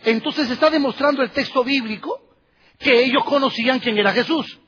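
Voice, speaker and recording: A man delivers a sermon in an unusually high, breathy voice. He keeps turning to the congregation with rhetorical questions. The recording sounds muffled and lo-fi. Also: normal speed, fairly bright tone. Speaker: preacher.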